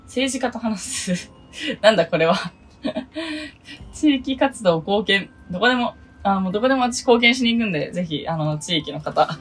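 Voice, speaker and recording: A young woman in her twenties from Okinawa, chatting casually through a list of goals in a solo vlog, with a low voice and self-deprecating asides. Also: lively intonation, moderate pace, fairly bright tone, breathy edge, faint music behind. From Okinawa, Japan. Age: 20s. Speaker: idol producer and vlogger.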